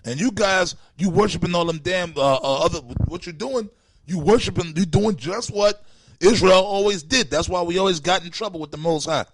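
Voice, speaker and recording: Man, preaching, profane, confrontational, slightly higher voice, dry sound. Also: moderate pace, no room sound. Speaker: speaker in a religious open forum. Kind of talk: preaching, reading scripture with commentary.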